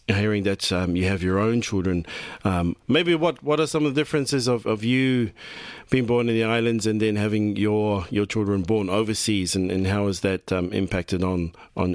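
Warm and loose, this community radio host rambles through his presenting and interviews in the studio, with plenty of fillers and restarts. He speaks at normal speed in a lowish voice, with no room sound in the recording.

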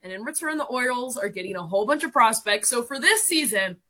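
A woman in her twenties joins a sports radio show as a baseball analyst. Her voice is bright and somewhat high, and she lays out her points in a confident, emphatic way. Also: expressive, quick pace. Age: 20s. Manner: confident, emphatic, explains plainly.

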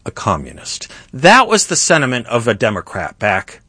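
A man's voice: mid-range voice, huge pitch swings, normal speed, bright, forceful tone, breathy edge, dry recording. A middle-aged man hosting a political talk show, speaking emphatically and rising to indignant outbursts. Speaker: host.

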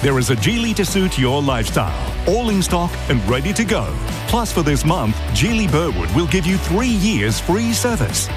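A man reading a scripted car advert as the announcer. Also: medium pitch.

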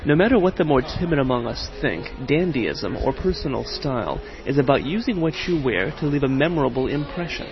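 A male reporter narrates a radio feature in a wry, easygoing way. His voice has a gravelly edge. The audio is dull and lo-fi, with faint music underneath. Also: medium pitch, very animated, fairly quick, hardly any pauses.

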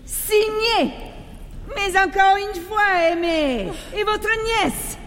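A woman's voice: very high voice, very slow, a bit bright, full character voice. An actress playing a haughty, scandalized society lady with an indignant drawl. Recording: echoey hall, slight noise.

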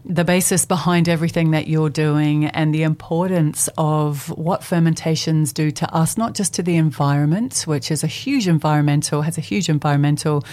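A woman hosting a community radio show from the studio, chatty and quick to laugh, with loose, rambling phrasing. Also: deep voice, fairly even intonation, a little mellow. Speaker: radio host.

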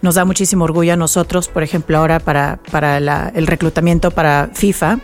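A woman from Mexico with a Mexican accent, speaking as a guest on a radio interview, thoughtful and unhurried, with many fillers. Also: low-pitched, steady tone, faint music behind. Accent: Mexican Spanish. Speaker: guest, nonprofit executive director.

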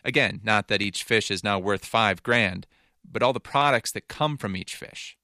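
A man's voice: fairly low pitch, normal speed, bright, forceful tone, no echo, studio quality. A man narrating a scripted news feature in a conversational, explanatory way. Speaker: reporter narrating.

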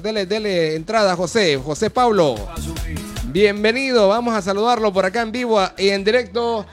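High-voiced Honduran radio host. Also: male voice. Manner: friendly, chatty, greets callers warmly. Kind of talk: live radio call-in chat.

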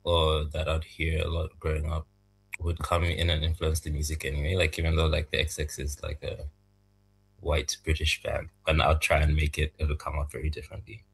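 A young man from Zambia, raised in Malawi, answering interview questions about making music in a soft, thoughtful, halting way. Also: extremely low pitch, completely flat delivery, creaky, breathy edge, low-quality recording. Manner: soft-spoken, thoughtful, halting, laughs lightly. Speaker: music producer, guest.

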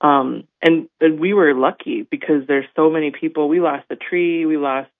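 A man from North Dakota, a guest on a casual radio interview, tells stories warmly at a moderate pace, his voice slightly raised, a little high and somewhat hoarse. He leans on fillers and keeps checking in with "right?". The dry, thin recording sounds like a phone line.

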